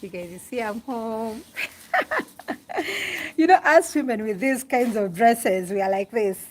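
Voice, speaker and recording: A woman's voice: fairly high pitch, animated, unhurried. A woman from Uganda chatting casually to viewers during a live stream from her family home, laughing often and calling out to relatives. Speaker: vlogger doing a live stream.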